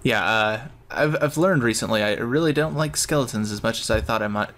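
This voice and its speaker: A man's voice: mid-range voice, fairly quick, fairly bright tone. A man giving casual gameplay commentary, thinking aloud in a rambling way. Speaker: gamer narrating his own play.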